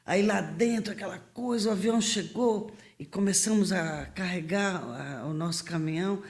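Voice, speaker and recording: A middle-aged woman from Brazil tells her stories as a podcast guest. She talks in a lively, animated way, acting out the voices of the people she quotes and often laughing. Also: fairly low pitch, normal speed. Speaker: guest missionary. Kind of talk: lively storytelling in a podcast interview.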